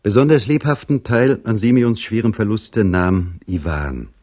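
A male reader narrates a classic novel in a measured, storytelling manner. His voice is very deep with a husky grain. He reads steadily, like a classic audiobook. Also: darkish tone.

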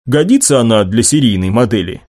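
A man's voice: mid-range voice, very animated, fairly quick, darkish tone, close to an everyday voice. A man doing a grumbling cautious businessman. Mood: businesslike. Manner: grumbling, dry.

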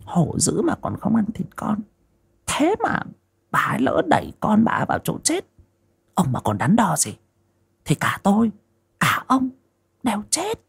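A man's voice: high-pitched, wildly swooping pitch, unhurried, gravelly, long pauses, slightly rough, voice pushed up, exaggerated voice. A man doing a scheming, whispering wife. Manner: sulky, hissing half-whispers.

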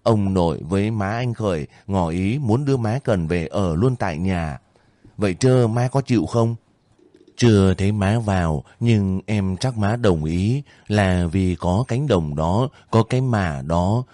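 Earnest young village girl telling sad news softly, guy reading her part, low mellow voice. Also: lively intonation, measured pace, no room sound. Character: young female village volunteer, gentle and earnest.

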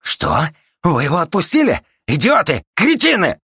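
A man voicing a hot-tempered male character with a knocked-out jaw, who splutters and yells in outrage in an audiobook. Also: high-pitched, big pitch swings, extremely slow, slightly rough, dry recording, studio quality, pitched above the performer's own voice, full character voice. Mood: furious.

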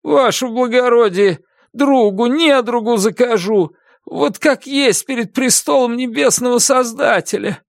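A man voicing a humble male convict who pleads for mercy in a wailing, high-pitched voice. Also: a little slow, gravelly, dry recording, studio quality, full character voice. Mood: pleading.

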